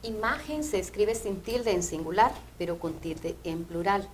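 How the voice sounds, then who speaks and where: A woman language teacher, explaining grammar rules in a measured way on a TV program. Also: medium pitch, slight background noise, poor audio. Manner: measured, explanatory, often asks "¿verdad?". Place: TV studio.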